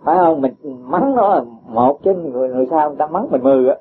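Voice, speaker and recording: A man's voice: fairly high pitch, expressive, fast. Male teacher, patient and homely. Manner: patient, explaining with homely examples, chuckles often. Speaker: Buddhist teacher. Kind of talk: dharma talk answering a disciple. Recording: dull lo-fi recording with faint hiss.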